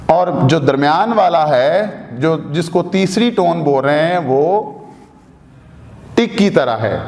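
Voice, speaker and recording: A man with a Pakistani Urdu accent gives a slow, patient language lesson, repeating each sound to demonstrate it. His voice sits high, and the recording rings in a roomy space with a long tail of reverb. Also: a little mellow. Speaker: language teacher. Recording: echoey room with long reverb.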